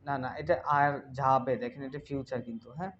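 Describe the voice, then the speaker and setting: A man teaching an online English class, patient, slowly spelling out English examples. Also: mid-range voice, fairly bright tone, muffled recording, a little hiss or hum. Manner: patient, checks in with "ঠিক আছে?"; slow, drawn-out English examples.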